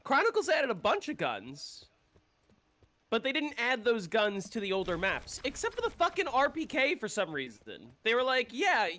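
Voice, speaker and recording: A man streaming a game chats casually in a very high, pushed and bright voice with huge pitch swings at normal speed. He rambles, airs strong opinions and swears freely, sounding congested as though he's coming down with a cold.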